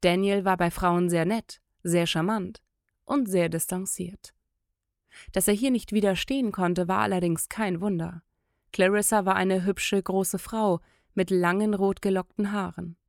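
A woman narrating an audiobook in a measured, intimate storytelling manner. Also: medium pitch, fairly even intonation, darkish tone, no echo, clean studio sound.

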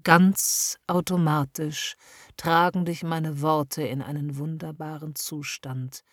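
Woman voicing a male hypnotist, smooth and persuasive, low-pitched, breathy, hushed coaxing delivery. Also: flat delivery, no room sound, studio quality. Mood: hypnotic soothing. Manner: slow, soft and coaxing, often near a whisper.

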